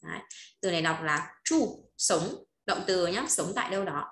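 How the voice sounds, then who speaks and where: A woman's voice: on the low side, expressive, normal speed, fairly bright tone, echoey room. A woman teaching a language lesson, repeating phrases and often checking that students follow. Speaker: Chinese teacher.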